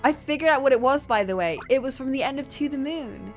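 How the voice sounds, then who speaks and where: A woman streams a live video game playthrough, reading the on-screen dialogue aloud playfully and exclaiming theatrically. Her voice is high, animated, and fast, with video game music playing behind her.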